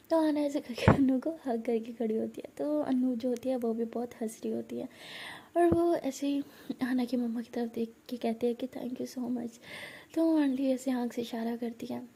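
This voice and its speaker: A woman narrating a romantic story and voicing its characters in a soft, partly whispered manner. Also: high voice, slight background noise.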